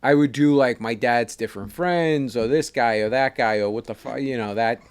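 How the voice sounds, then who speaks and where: A man's voice: medium pitch, normal speed, smooth. A man from New York with a New York accent, co-hosting a casual podcast chat in an easygoing, agreeable way. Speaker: podcast co-host.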